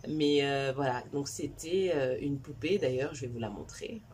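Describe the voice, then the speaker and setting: A woman's voice: extremely low pitch, normal speed, a little mellow, a little hiss or hum. A woman in her forties from Cameroon telling her life story in a casual, conversational way, with many fillers and restarts. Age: 40s. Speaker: vlogger.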